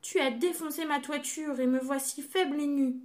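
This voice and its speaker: A woman's voice: sits high, fairly even intonation, normal speed, darkish tone, pitched above the performer's own voice, close to an everyday voice. Woman doing a moaning little snail. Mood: plaintive. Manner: moaning, plaintive.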